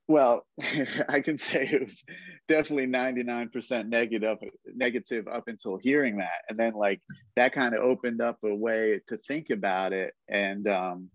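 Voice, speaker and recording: A man's voice: medium pitch, normal speed, no room sound, highs cut off. A man hosting a podcast and chatting casually, rambling and leaning heavily on "like" as he talks. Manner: rambling, heavy use of "like", relaxed. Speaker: podcast host. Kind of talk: casual interview chat.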